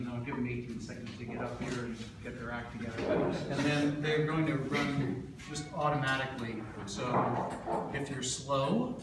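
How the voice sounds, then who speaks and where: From off in a very echoey, noisy room comes a man with a mid-pitched voice. He moderates informally, setting out the rules with some hesitation and dry humour. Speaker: moderator introducing short talks. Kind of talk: informal spoken introduction explaining format. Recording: very echoey room, distant mic, loud noise.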